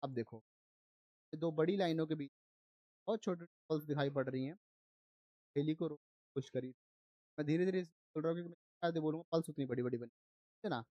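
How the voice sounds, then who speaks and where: A man's voice: a little high, fairly quick, pauses often, dry recording, dull audio. A man teaching an online physics lesson, explaining step by step and often checking that his students are following. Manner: switches between Hindi and English terms. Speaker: science teacher.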